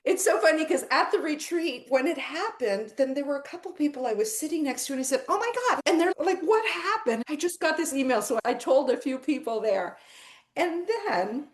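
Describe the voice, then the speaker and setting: Brief: middle-aged woman, excitable storyteller, slightly high voice, roomy echo. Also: moderate pace. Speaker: podcast guest. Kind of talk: casual chat.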